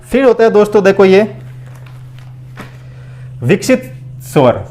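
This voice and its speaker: A man with a fairly high voice teaches an exam-prep lesson while writing. He drills every point by asking the class and answering it himself. The sound of him writing is heard behind him. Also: sing-song, a little slow, dark tone, faint music behind. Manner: call-and-response drilling, repeats questions and answers; keeps addressing listeners as friends. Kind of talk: blackboard lesson for exam preparation.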